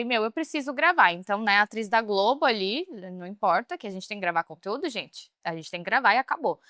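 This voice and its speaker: Expressive bright-voiced woman co-host. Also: on the high side, no room sound, studio quality. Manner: animated, expressive storyteller. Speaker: podcast co-host. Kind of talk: casual chat.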